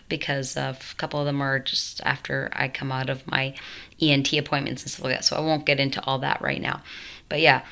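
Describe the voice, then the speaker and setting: Her voice is low-pitched, smooth, bright and forceful, changed after a tracheotomy. The young woman tells her story casually to camera from home, rambling, cutting herself off, and filling gaps with fillers.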